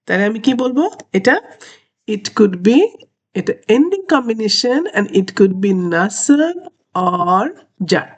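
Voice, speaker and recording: A woman teaching Quranic Arabic grammar in an online lesson, stretching out each Arabic word slowly and deliberately and slipping English terms into her explanations. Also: fairly high pitch, lively intonation. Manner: slow, deliberate, drawn-out Arabic words, mixing English terms.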